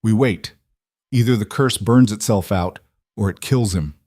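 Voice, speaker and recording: A man's voice: fairly low pitch, measured pace, darkish tone, no room sound, studio quality. A man doing a grim, commanding protector. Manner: curt orders, clipped and grim.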